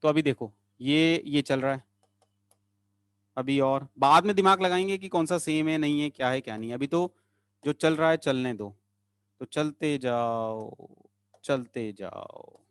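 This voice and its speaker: Teaching chemistry online, a man with a slightly high, smooth voice coaxes his students along at a moderate pace. He repeats short phrases in a sing-song lilt. The recording is close and dry, with no room sound.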